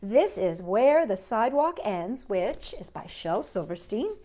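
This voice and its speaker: A woman leads a children's storytime, chatting playfully and addressing young kids directly as she reads and leads a sing-along. Her mid-range voice is mellow and sing-song, a little slow.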